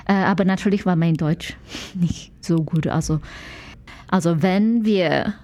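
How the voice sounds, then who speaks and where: A dancer and dance teacher from Malaysia, speaking with a Malaysian accent, gives conversational answers as an interview guest, groping for words in a language acquired later; English, Mandarin and Malay are her native ones. Her voice is on the low side, a little slow and a little mellow.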